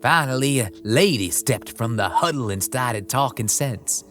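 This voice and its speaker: An audiobook narrator tells a western horror story in the first person, using folksy frontier talk packed with crude slang, over background music. His voice is mid-range and fairly bright, with lively intonation and an unhurried pace.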